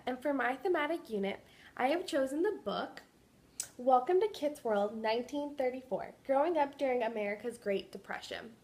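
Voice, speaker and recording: A woman with a somewhat high voice gives a dramatic reading of a children's story, presenting it the way a student would, with expressive and deliberate delivery.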